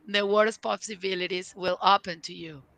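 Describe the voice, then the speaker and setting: A woman leadership coach talks casually on a panel. Her voice is bright and forceful, and it sounds dry and close. She rambles, restarting often and saying "like" a lot. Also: medium pitch, fairly even intonation, normal speed, creaky, no echo, low-quality recording. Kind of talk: casual online panel talk.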